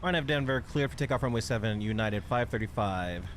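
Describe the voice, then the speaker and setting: A man with a voice of ordinary pitch speaks into a pilot's cockpit headset, reading back tower clearances in tight, clipped radio phrasing. His calls are crisp and businesslike. A steady wash of background noise sits under every word. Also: fairly quick. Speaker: flight-sim streamer playing airline pilot.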